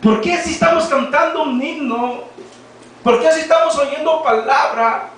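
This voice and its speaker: A man with a Mexican Spanish accent preaching a sermon in a church, reading scripture and then alternating between quiet lines and shouted appeals. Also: extremely high pitch, unhurried. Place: church hall. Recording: very echoey hall from far off, faint noise.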